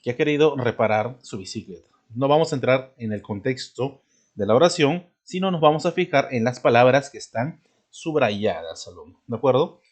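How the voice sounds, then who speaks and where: A man's voice: mid-range voice, expressive, normal speed. Patient man teaching a spelling lesson. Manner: checks in constantly with "¿de acuerdo?" and "¿no?"; clears his throat often.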